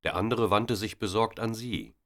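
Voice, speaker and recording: A man reading a story aloud with expressive, dramatic narration. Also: on the low side, normal speed.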